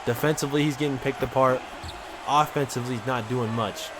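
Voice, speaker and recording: A man giving casual, excited play-by-play commentary over a basketball video game, with slang in his talk. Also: mid-range voice, a little fast, noisy background. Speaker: gaming content creator.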